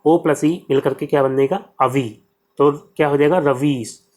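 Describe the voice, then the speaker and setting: Hindi accented guy teaching grammar for exams, slightly high voice, keeps asking then answering himself. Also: fairly even intonation, moderate pace, darkish tone. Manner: explains step by step, repeats "ठीक है" often; asks questions and answers them himself. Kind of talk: exam-prep grammar lesson.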